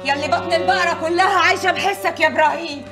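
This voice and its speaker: A woman's voice: extremely high pitch, fairly even intonation, very fast, over music. An actress playing a woman wailing a keening lament over a wounded man. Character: wailing woman mourning over injured Ibrahim.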